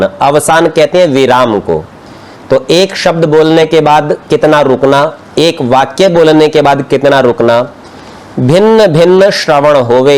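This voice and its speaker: A man's voice: fairly high pitch, a little mellow. Man teaching scripture, patient and explanatory. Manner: explains slowly, term by term, with examples. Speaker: religious teacher. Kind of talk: scripture study lecture. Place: outdoor courtyard class.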